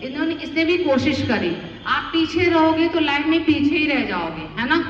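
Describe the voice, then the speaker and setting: A woman's voice: sits high, animated, normal speed, slight background noise. A woman teacher coaching children in a role-play workshop, coaxing and encouraging, often repeating herself. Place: indoor school hall with children. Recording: roomy hall from far off, dull.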